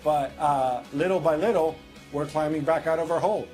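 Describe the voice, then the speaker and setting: A man's voice: fairly high pitch, darkish tone, faint music behind. Thoughtful Italian-born male pundit. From Italy. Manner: thoughtful, measured, with many fillers. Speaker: football pundit. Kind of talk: casual panel analysis.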